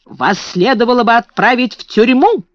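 Woman voicing a harsh older headmistress, loud, slow and scolding, storybook reading, dull dry audio. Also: a little high, very animated, no echo, voice pushed up. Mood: furious. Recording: dull lo-fi recording.

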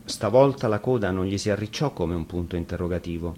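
Reading a children's fairy tale from a script, a male storyteller speaks in a fairly low, mellow voice at a brisk pace. Faint noise can be heard behind the recording.

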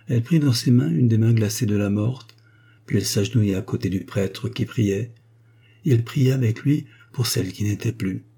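A man narrating a classic novel in a steady, measured reading. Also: lowish voice, gravelly, husky. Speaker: audiobook narrator.

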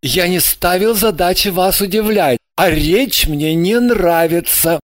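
A woman voicing a calm, soft-spoken male president who talks slowly and critically. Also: fairly low pitch, no echo, studio quality, natural voice. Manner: slow, measured, unruffled.

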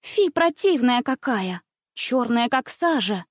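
A woman voicing a capricious, spoiled little princess girl who talks in a bright, bossy way. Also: high-pitched, lively intonation, normal speed, no room sound, clean studio sound, pitched above the performer's own voice.

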